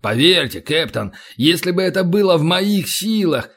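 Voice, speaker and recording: A man's voice: on the high side, animated, moderate pace, fairly bright tone, voice pushed up. A man voicing an evasive, fawning male governor who mumbles apologetically in an audiobook. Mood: placating.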